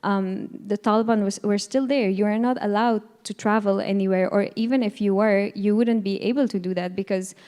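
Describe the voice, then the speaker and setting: Young woman in her 20s, panel speaker; smooth, warm tone, earnest and hesitant with lots of ums. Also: medium pitch, steady tone, brisk, few pauses. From Afghanistan. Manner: earnest, hesitant, frequent fillers and restarts. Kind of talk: personal testimony at a panel event.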